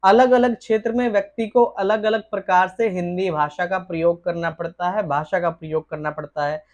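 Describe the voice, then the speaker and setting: A woman tutor leads an exam-prep lesson. She reads each question aloud, then gives a formal, textbook-style answer. Her delivery is steady and measured throughout. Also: on the low side, dull audio.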